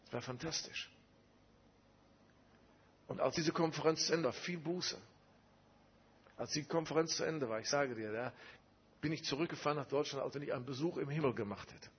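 A man's voice: fairly high pitch, moderate pace, pauses often, slightly rough, lo-fi sound. A man preaching a sermon, telling a personal story emphatically and repeating phrases.

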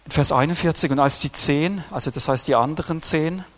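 A man's voice: a little high, brisk. A man preaching a sermon on scripture, emphatic, with frequent swells in volume and repeated words.

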